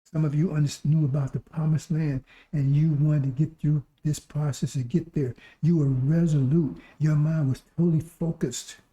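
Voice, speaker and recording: A man delivers a sermon in a very mellow, dark voice that sits a little high. He sounds hoarse, as if recovering his voice, and exhorts listeners with repeated phrases and rhetorical questions. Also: steady tone, normal speed, few pauses, rough recording. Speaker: preacher.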